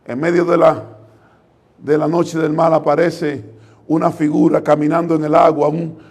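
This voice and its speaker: A man preaching a sermon to his congregation, fervent and calling them brothers, swinging from hushed to loud. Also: on the high side, level tone, moderate pace. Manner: addresses the congregation directly as brothers.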